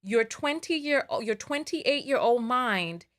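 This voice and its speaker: A woman's voice: fairly high pitch, animated, a little slow, a bit bright. A woman hosting a live call-in advice show, earnest and probing, pressing a caller with pointed questions. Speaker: host.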